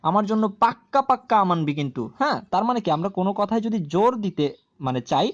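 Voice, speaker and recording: A woman teaching a grammar lesson to video viewers, explaining slowly and repeating key terms, often asking a question and answering it herself. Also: medium pitch.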